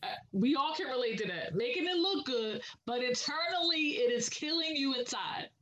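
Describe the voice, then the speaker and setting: A woman co-hosting a casual podcast about songwriting, speaking in an unhurried, affirming way with many filler pauses. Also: sits high, animated, fairly bright tone, low-quality recording. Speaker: podcast co-host.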